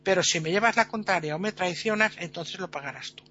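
Death as a stern godmother spirit, laying down the law with weighty warnings, as a man puts her on. The voice sits high and bright for a man. The recording is a little dull and lo-fi. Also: slight background noise. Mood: solemn, hushed. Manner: solemn, measured warnings, later scolding.

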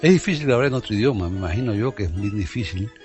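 Low-voiced male radio host chatting. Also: lively intonation, racing, a little mellow, faint music behind. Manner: conversational, admiring. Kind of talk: casual radio conversation.

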